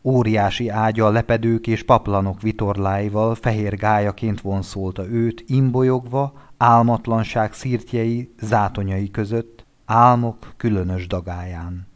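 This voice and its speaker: A male narrator reads a literary short story aloud. His delivery is measured and expressive, and his voice sits a little low. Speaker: audiobook narrator.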